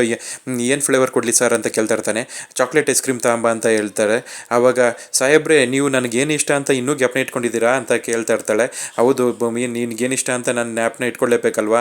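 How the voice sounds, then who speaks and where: A man casually retelling a TV serial episode, reading the characters' dialogue in his own plain voice. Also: mid-range voice. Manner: even, unhurried retelling with quoted dialogue read plainly.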